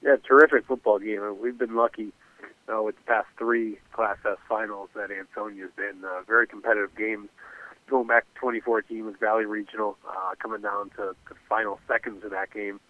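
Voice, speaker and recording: A man's voice: lowish voice, steady tone, a little fast, dry recording. A male sportswriter with a nasal, blocked-sinus voice, breaking down a football game play by play over the phone. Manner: detailed, recounts plays with many uhs. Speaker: sportswriter guest. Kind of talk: casual sports analysis. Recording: tinny phone line.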